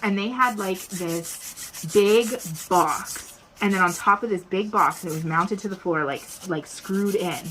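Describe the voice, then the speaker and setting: A woman's voice: mid-range voice, unhurried. Joking Nova Scotian woman chatting. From Nova Scotia, Canada. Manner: lively, joking, candid. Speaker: salon client. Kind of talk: casual chat, storytelling. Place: nail salon, indoors. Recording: noisy salon, nail sanding behind.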